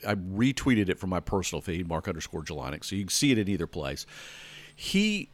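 A man with a lowish voice hosts a solo podcast from indoors at home. He talks in a casual, rambling way, often restarting sentences and checking in with the listener. The sound is close and dry, with no room around it. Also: no echo. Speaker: podcast host.

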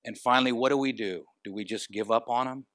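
A man preaching a sermon, asking the congregation rhetorical questions and moving between quiet and emphatic delivery. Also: mid-range voice, quick pace, no room sound, clean studio sound.

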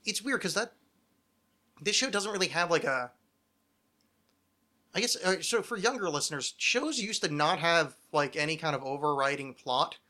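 In a loose podcast conversation about TV, the thirty-something male host wanders from point to point with plenty of profanity. His slightly high voice has lively intonation and a bright, forceful tone, moving at normal speed with frequent pauses.

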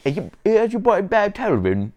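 A man putting on a loud cheeky Cockney bloke. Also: huge pitch swings, full character voice. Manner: exaggerated, booming, drawn-out. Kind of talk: podcast banter.

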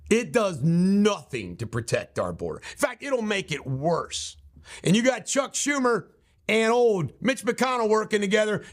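A man hosting his own show, delivering a blunt, emphatic and scornful political commentary monologue. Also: high voice. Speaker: host.

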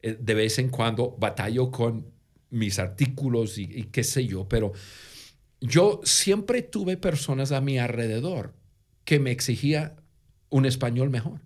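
A man co-hosting a podcast who tells stories in casual Spanish, which is not his first language, with a lingering foreign accent and frequent halting restarts. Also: medium pitch, a little mellow. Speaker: podcast co-host. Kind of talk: casual conversational storytelling.

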